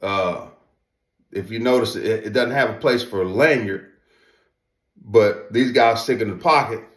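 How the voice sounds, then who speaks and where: Speaking at a measured pace in a lowish voice, a man demonstrates duck calls informally, repeating himself often in an emphatic, folksy style. It's recorded with a roomy echo.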